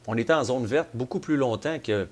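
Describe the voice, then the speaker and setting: A man from Abitibi with a Québécois French accent, a game store owner talking casually as a guest, with lots of hesitant pauses and dry humor. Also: mid-range voice. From Abitibi, Quebec. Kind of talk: casual interview chat.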